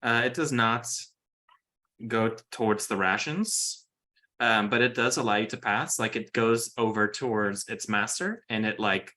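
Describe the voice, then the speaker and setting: Guy running a tabletop rpg, bright voice, takes his time describing stuff, kinda halting. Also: lowish voice. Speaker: game master. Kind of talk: narrating a tabletop role-playing game.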